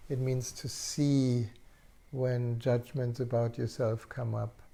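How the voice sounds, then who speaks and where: A man speaking as a spiritual teacher in an unscripted satsang, slow and serene like a guru, with long pauses and a soft, gravelly voice. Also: medium pitch, little pitch movement. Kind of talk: unscripted satsang talk, answering questions. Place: online video call session.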